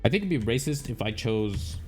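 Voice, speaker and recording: A man's voice: mid-range voice, lively intonation, a little fast, darkish tone, slightly rough, faint music behind. Joking, swearing gaming host man. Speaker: let's play host. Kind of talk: casual gaming commentary.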